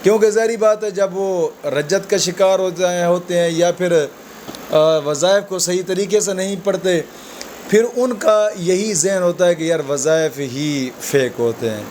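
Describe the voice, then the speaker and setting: A man's voice: darkish tone, slight background noise. A man giving a conversational religious talk to viewers, calling them friends and explaining with everyday examples. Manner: slow, low Arabic recitation at the opening. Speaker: spiritual advice presenter.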